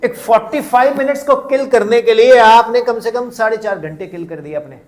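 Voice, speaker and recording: Animated man leading a teacher workshop. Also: extremely high pitch, low-quality recording. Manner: animated, acts out quick dialogue snippets. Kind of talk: lively teacher-training talk. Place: school hall.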